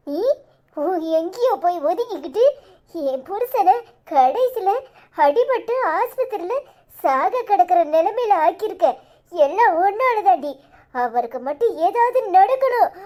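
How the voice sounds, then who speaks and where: A woman's voice: very high-pitched, dark tone. Woman voicing a fierce cartoon wife. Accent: Kanyakumari Tamil. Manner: pleading, then harsh scolding. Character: distraught young wife, fierce when angered. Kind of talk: cartoon voice acting.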